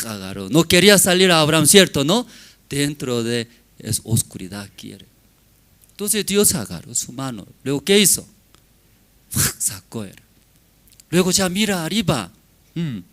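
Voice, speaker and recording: A man's voice: medium pitch, fairly bright tone. A man pastor preaching a sermon emphatically, in broken grammar with many rhetorical questions.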